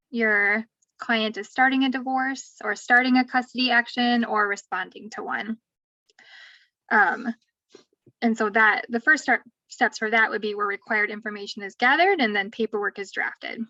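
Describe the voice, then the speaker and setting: A woman with a fairly high voice talks through family court steps in a relaxed, conversational way, thinking aloud as she goes. She sounds set back from a dull, lo-fi microphone. There is little room echo, as on a video call. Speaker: family law advocate. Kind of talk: webinar explanation. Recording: distant dull lo-fi mic, dry.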